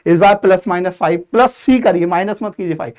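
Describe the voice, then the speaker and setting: A man teaching an exam-prep lesson in a casual, direct way. His voice sits high for a man and comes across smooth and clear. He talks to his students like a coach, with plenty of fillers and quick restarts. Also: a little mellow.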